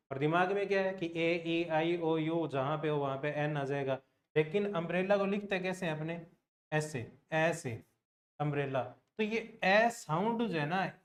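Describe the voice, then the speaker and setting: A man teaching an exam-prep grammar lesson, asking the class questions and answering them himself, slowing down to sound out example words. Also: fairly high pitch. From Rajasthan, India.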